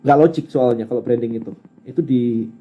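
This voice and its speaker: A man with an Indonesian accent, answering questions in a casual live-stream Q&A as a business coach, animated and rhetorical, mixing in English words. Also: mid-range voice, a little fast, dull audio.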